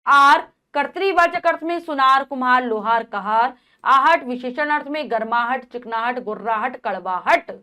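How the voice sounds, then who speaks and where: A woman teacher reading out a grammar lesson, going through word lists in a steady rhythm and stopping to explain. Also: high-pitched, normal speed. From India.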